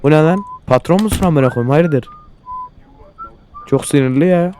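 Young man, let's-play host, mellow dark tone, swears constantly, exasperated. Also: on the high side, normal speed, a little hiss or hum. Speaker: gaming channel host.

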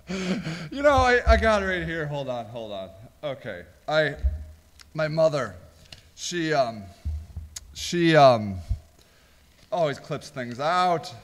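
Giggly, sarcastic high-voiced man. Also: in a large hall. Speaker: host of a small business video show. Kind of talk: casual comedic commentary.

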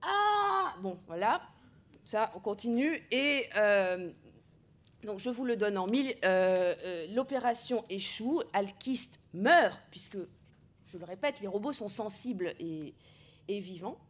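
A woman's voice: medium pitch, lively intonation, a little slow. A woman giving an academic lecture at a seminar, talking in a hesitant way with many filler sounds and restarts.

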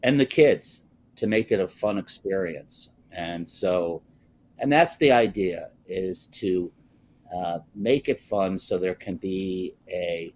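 Older man, deep, slow guest on a video-call interview, pausing often. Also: darkish tone. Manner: slow, measured, frequent "uh" pauses. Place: indoors, wood-panelled office with bookshelves. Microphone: video call, webcam close up.

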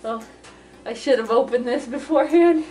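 A woman's voice: on the high side, darkish tone, faint music behind. Woman muffled inside a costume head. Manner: chatty, self-narrating, unhurried. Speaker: vlogger. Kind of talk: casual chat while baking. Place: home kitchen.

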